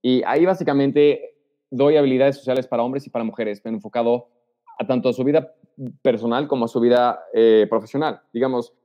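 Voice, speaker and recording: This guest has a medium-pitched voice and a brisk delivery, lively as he acts out lines while advising on social matters. The interview is casual, captured with dull audio and a long reverberant tail.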